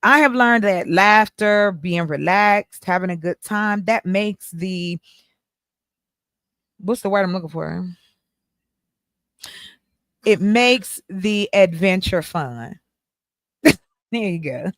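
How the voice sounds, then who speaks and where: A woman's voice: medium pitch, takes it slowly, long pauses, fairly bright tone, no echo. Female host, mid-range, playful and chatty, close dry sound. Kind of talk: casual group chat.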